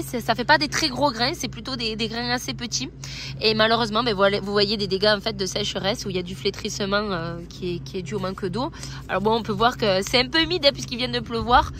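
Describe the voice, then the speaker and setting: A woman's voice: fairly high pitch, a bit bright, slight background noise. A woman winegrower, chatting in a hesitant way with lots of fillers while outdoors in a vineyard. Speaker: winegrower vlogger. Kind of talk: casual vlog chat.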